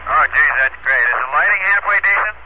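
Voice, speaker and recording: A man's voice: a little high, animated, brisk. A man calling in as an astronaut over a distant two-way radio link, speaking in terse radio calls. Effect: distant two-way radio transmission. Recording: muffled, hissy archival radio audio.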